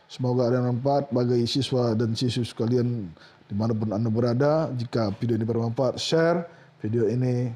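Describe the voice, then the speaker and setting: A man with a mellow, dark-toned voice works through a list of exam questions like a teacher. He reads each question and its answer in a steady, plain lecturing manner, pausing now and then to find a word. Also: mid-range voice.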